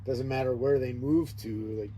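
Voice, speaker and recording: Man hosting a casual chat, laid-back storyteller, warm and mellow voice, faint noise. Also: medium pitch, fairly even intonation, moderate pace, poor audio. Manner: laid-back, meandering storytelling, laughs often. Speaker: host.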